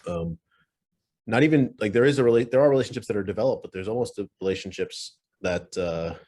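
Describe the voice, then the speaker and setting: Deep-voiced man in casual podcast chat. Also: quick pace, darkish tone. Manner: rambling, restarts often. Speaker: podcast co-host.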